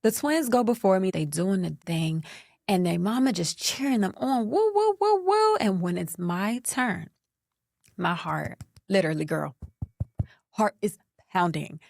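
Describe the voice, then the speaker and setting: A woman in her thirties hosts her own storytelling podcast, speaking. She tells her story with sass and animation, addressing her listeners as "girl." Her voice sits low and the close recording is dry. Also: measured pace, gravelly, no room sound. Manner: animated, sassy, talks straight to listeners as "girl". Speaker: podcast host.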